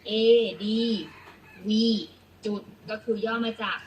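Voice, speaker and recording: Slow, patient woman teaching. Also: slight background noise, low-quality recording. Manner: patient, repeats "นะคะ" often, spells out letters. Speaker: English teacher. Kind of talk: classroom lesson explanation.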